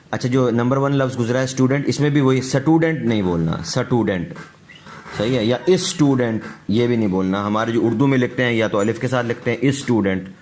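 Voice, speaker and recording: A man teaching English pronunciation, repeating each word twice and correcting common mistakes. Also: lowish voice. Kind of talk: slow pronunciation drill lesson.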